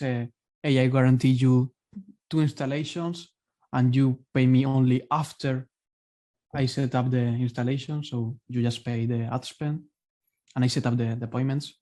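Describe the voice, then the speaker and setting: A man with a warm, darker voice talks through his options on a video call. He pauses and restarts as he works through his thoughts aloud. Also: mid-range voice. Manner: hesitant, thinking aloud. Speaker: coaching client. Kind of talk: asking questions on a call.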